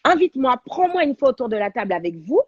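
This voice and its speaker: A woman, a guest on a talk show, telling a personal story in an animated, slangy, dramatic way over a video call. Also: high-pitched, fast talker, husky, no room sound, dull audio. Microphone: video call on a livestream.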